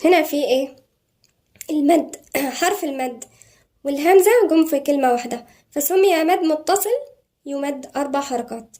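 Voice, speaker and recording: A woman with an Egyptian accent, a Quran recitation teacher giving a tajweed lesson, who explains quickly and then slowly draws out each word as a model. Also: high-pitched, warm tone. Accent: Egyptian Arabic. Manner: brisk explanations broken by slow, drawn-out model recitation.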